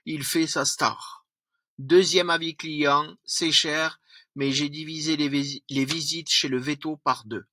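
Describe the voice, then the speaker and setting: Male vlogger, unhurried, dry close mic, corrects his own slips often. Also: a little high, pushed and bright, no echo. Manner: reads a list of points with slips and self-corrections. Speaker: product reviewer. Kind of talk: product review vlog.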